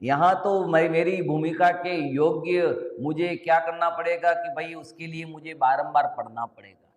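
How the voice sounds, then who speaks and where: Brief: male preacher, fairly high voice, asks listeners questions, chants verses slowly. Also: steady tone. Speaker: Jain scripture teacher. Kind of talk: Hindi sermon with chanted Prakrit verses. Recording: echoey hall, long reverb.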